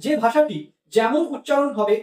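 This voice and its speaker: A man teaching as a language teacher, patiently explaining and repeating each letter slowly. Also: very high voice. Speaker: Sanskrit teacher. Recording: very echoey room, mic far off.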